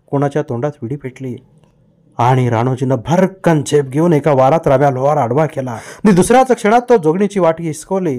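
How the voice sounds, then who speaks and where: Man telling a story in a mellow voice. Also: on the high side. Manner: vivid storytelling delivery. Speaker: audiobook reader. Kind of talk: dramatic novel narration.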